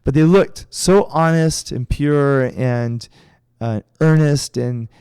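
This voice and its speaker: A man's voice: medium pitch, slow, a little mellow, clean tone, no echo, studio quality. Rambling middle-aged male podcast co-host. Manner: rambling storytelling with restarts. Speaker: podcast co-host, karate instructor. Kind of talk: casual chat.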